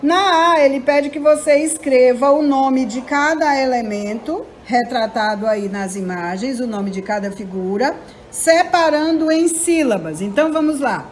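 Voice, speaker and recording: A woman teacher with a Brazilian accent giving a recorded lesson, speaking clearly and spelling out syllables with emphasis. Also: high voice, a little slow, a little hiss or hum. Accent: Brazilian Portuguese. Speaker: primary school teacher.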